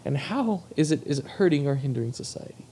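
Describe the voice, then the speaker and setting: A man's voice: fairly high pitch, expressive, fast, mellow, breathy edge. Joking young man hosting a podcast. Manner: joking, mock-formal, swears casually. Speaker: podcast host. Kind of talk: casual comedic podcast chat.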